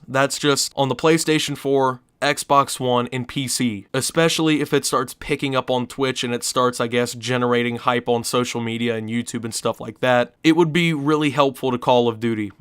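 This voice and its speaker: A man's voice: mid-range voice, fairly bright tone, smooth, no room sound, studio quality. A young man who is sick with the flu, rambling through casual gaming commentary and leaning on fillers. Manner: rambling, full of fillers like "you know" and "I guess". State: sick, stuffy voice. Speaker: gaming YouTuber. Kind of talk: casual commentary over gameplay.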